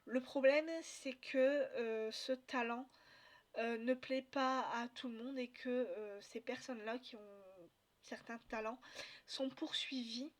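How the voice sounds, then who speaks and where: A woman's voice: fairly high pitch, fairly even intonation, takes it slowly. A woman chatting casually about books she bought, hesitant with many fillers and restarts. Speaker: book vlogger. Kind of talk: casual book haul chat.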